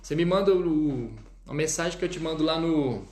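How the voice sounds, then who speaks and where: A man's voice: on the high side, fairly quick, a little mellow. A Brazilian man teaching French in a casual live stream, chatting with viewers and checking in often as he goes. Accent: Brazilian Portuguese. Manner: chatty, reads out viewer comments, frequent "tá?" check-ins. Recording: echoey room.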